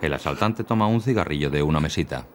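Brief: male narrator reading film audio description, deep voice, fast and even. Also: background noise. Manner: brisk, even, neutral. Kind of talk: scripted narration.

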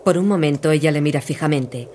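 Audio description narrator, even neutral reading, noisy film soundtrack underneath. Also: mid-range voice, brisk.

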